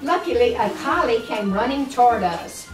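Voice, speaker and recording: A grandmother reads aloud to a small child at a moderate pace, her voice on the high side and animated, expressively adding brief explanations as she goes. The recording is roomy and distant, with background music.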